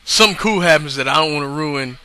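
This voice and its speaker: Here a show reviewer recaps an episode fast and forcefully, his slightly high voice bright and clean. He rambles in slang, swears freely, and keeps asking "you know what I mean?"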